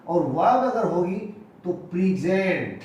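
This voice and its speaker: A man with an Indian accent teaching English pronunciation, spelling out words letter by letter and repeating each one slowly. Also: sits high, animated, a little mellow, a little hiss or hum. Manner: slow and deliberate, repeating each word. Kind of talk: classroom lesson, spelling out words. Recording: echoey room, voice from far off.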